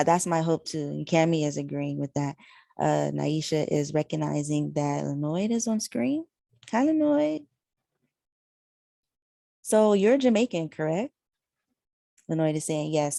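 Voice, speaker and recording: Low, mellow-voiced woman interpreter. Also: gravelly, no echo, studio quality. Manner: relaying speakers in third person with fillers. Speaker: sign language interpreter. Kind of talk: voicing signed conversation.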